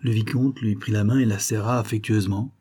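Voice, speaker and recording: A man reading a nineteenth-century novel aloud in measured scripted narration. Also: fairly low pitch, steady tone, mellow, husky. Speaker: audiobook reader.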